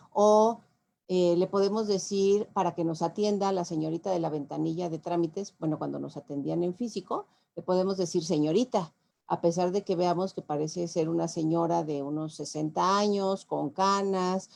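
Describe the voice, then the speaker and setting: A middle-aged Mexican woman, a linguist, giving an explanatory talk in a conversational way, pausing on fillers as she answers audience questions. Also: fairly low pitch, creaky, warm tone. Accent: Mexican Spanish. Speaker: guest lecturer, linguist.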